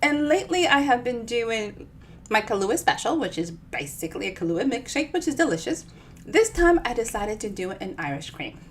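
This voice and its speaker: A woman from the Dominican Republic hosts a livestream storytime as an author, chatting in a bubbly, playful, informal way. Her voice is on the high side, with a little hiss or hum in the background.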